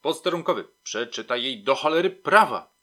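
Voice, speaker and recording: A man's voice: medium pitch, animated, moderate pace, bright, forceful tone, voice pushed up. A man voicing a brutal, curt police sergeant in an audiobook. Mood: shouting. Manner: barked orders.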